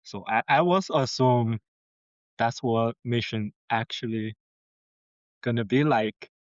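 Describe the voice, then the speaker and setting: A young man from China, speaking English with a Mandarin Chinese accent, tells a personal story earnestly as a podcast guest, halting and restarting often while he searches for words. His mid-range voice is smooth and clear, recorded close and dry with a slightly dull, lo-fi tone.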